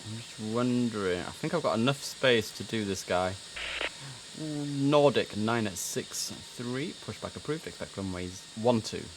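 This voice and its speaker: During a game livestream, a man with a lowish, animated voice talks at a measured pace. He mutters casually to himself between clipped air traffic control instructions, and clear background noise sits under his voice.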